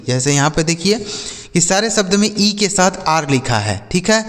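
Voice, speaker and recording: A man's voice: on the high side, big-room sound. A man teaching English pronunciation in Hindi, spelling out words and quizzing his students with repeated questions. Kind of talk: spoken lesson on pronunciation.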